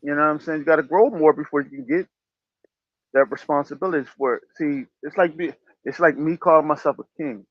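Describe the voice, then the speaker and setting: A podcast host with a slightly high, brisk male voice runs a casual talk show, handing out motivational advice in an emphatic, preachy style and repeating his phrases. There's no echo, but the recording sounds dull and lo-fi.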